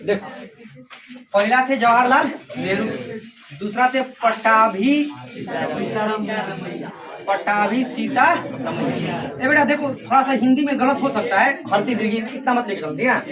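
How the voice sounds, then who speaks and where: High-voiced male teacher drilling a class. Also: a little slow, pauses often. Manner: repeats questions and calls out for the class to answer back; scolds students for making noise. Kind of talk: classroom lecture with call-and-response drilling. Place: classroom with students. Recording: distant mic, noisy class chatter.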